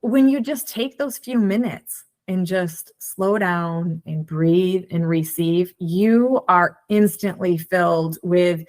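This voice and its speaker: A woman's voice: fairly low pitch, slow pace, hardly any pauses, a little mellow. Woman in her forties, podcast host, reflective casual chat, acts out her own thoughts. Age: 40s.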